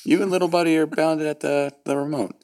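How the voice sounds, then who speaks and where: A man's voice: on the high side, steady tone, a little fast, a little mellow. A man chatting casually while playing a tabletop game. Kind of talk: casual chat.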